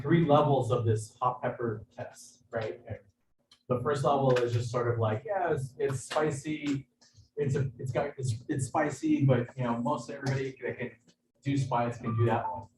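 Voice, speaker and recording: A man, a chef, giving a casual cooking demonstration in a kitchen over a video call. He talks in a hesitant, halting way, with lots of fillers and restarts. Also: mid-range voice. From United States. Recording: echoey room, far from mic, background noise.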